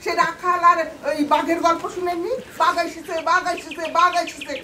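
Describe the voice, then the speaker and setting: A woman's voice: very high-pitched, flat delivery, bright, forceful tone, slight background noise. An actress playing a quarrelsome wife in a comedy drama, scolding her husband and her co-wife. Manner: scolding, quick bickering.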